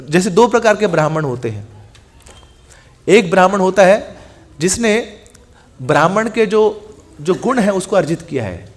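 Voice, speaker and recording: A man preaching a scripture class in Hindi, telling the story in a lively way, acting out the dialogue, asking rhetorical questions and mixing in words. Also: fairly high pitch. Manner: lively storytelling, acts out the gods' dialogue, mixes in English words; asks the audience rhetorical questions and answers them.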